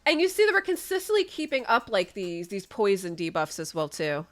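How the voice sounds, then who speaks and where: A young woman who creates gaming content chats through her gameplay for viewers, upbeat despite sounding sniffly from a sinus infection. Her medium-pitched voice swings widely and moves briskly, recorded indoors on a desk mic with faint music behind.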